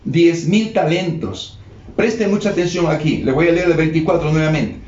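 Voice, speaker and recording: A man with a high voice preaches a sermon in an echoing room. He explains scripture patiently and repeats key phrases to his listeners. The recording sounds somewhat dull and lo-fi. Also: normal speed, a little mellow, a little hiss or hum.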